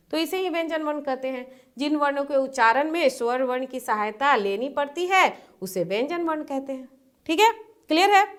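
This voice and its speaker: A woman with a slightly raised pitch teaches a primary-school lesson. She moves through each point step by step, asking questions and answering them herself, and repeats key definitions. Her delivery is patient and steady. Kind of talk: classroom lesson.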